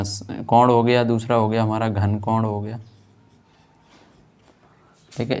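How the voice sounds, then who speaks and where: In a physics class, a man explains while writing on a board, asking and answering his own questions, repeating key terms, and often adding a check-in tag after his points. His voice is fairly low, smooth and darkish.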